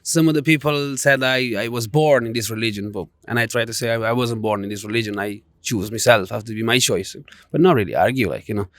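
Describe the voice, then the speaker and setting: A man chatting casually as an interviewee, with halting, non-native phrasing. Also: medium pitch, fairly bright tone, no room sound, studio quality. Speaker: street interviewee. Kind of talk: casual chat.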